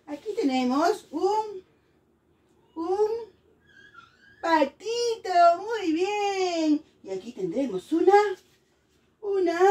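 High-voiced, slow-talking woman teacher. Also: recorded from a distance. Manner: animated, singsong, coaxing children. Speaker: teacher of young children. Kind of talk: playful online lesson for children.

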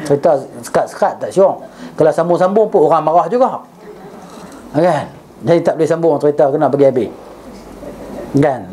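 Man, religious teacher, animated storytelling, soft faint hiss behind. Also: on the high side. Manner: animated storyteller, recites Arabic then explains it; keeps checking with listeners by asking "right?".

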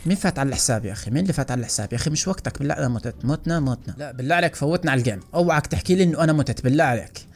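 Excitable, fast-talking gamer guy. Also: mid-range voice, soft background music. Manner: excitable, teasing, quick to laugh. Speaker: gaming YouTuber. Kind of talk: live gameplay commentary.

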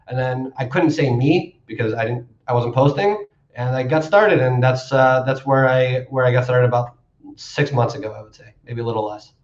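A man's voice: mid-range voice, darkish tone. A young man answering as a marketing guest in a casual interview, wry and rambling with many fillers. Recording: roomy, dull lo-fi sound.

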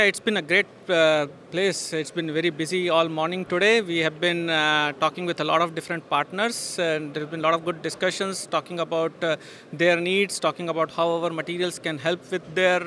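Middle-aged guy at an expo booth, bright voice a bit high, lots of uhs, faint hall noise behind. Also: fairly even intonation, fairly quick. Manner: hesitant, many fillers and restarts. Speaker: industry guest at a trade show. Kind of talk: trade show interview. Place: busy exhibition hall booth. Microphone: handheld interviewer mic.

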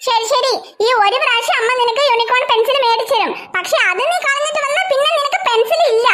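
A woman's voice: very high voice, quick pace. A woman voicing an exasperated cartoon mom. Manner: scolding, exasperated, chatty asides to viewers. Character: harried young mother, scolding and exasperated. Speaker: channel host. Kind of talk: cartoon voice acting. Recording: loud background noise.

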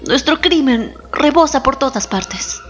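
A woman voicing a humbled, repentant male warrior who speaks humbly and pleadingly, with soft music behind. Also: high voice, expressive, a little slow. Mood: humble. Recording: slightly dull, soft background music.

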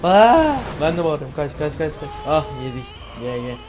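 A man from Turkey giving excitable gameplay commentary, swearing and yelling when startled. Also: on the high side, quick pace, music in the background. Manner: excitable, swears and yells in surprise. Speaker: gamer.

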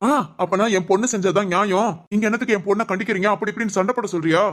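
A woman's voice: medium pitch, rapid-fire, natural voice. A woman voicing a strict, domineering middle-aged father who scolds his family in a cartoon family drama. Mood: stern.

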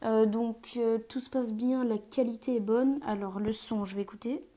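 A woman's voice: on the high side, fairly even intonation, normal speed, warm tone. A woman streaming live gameplay commentary through an earphone mic, hesitant with many fillers and sometimes dropping to a whisper.

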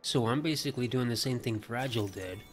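A man livestreaming a video game, casually thinking aloud in a low-key way as he plays. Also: quick pace. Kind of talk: casual play-by-play gameplay commentary. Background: faint game music.

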